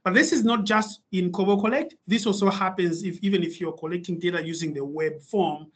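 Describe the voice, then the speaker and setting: A man from Malawi, slightly high-voiced, giving a webinar presentation over a video call. He talks in a hesitant, restarting way, full of "um" and "uh" as he explains. His tone stays informative and steady. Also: brisk. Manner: hesitant, many fillers and restarts. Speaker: guest speaker.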